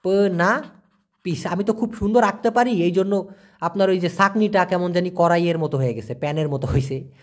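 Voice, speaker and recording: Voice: mid-range voice, fast, darkish tone. A language teacher, giving a casual lesson and asking and answering their own questions. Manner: asks rhetorical questions and repeats words to drill them.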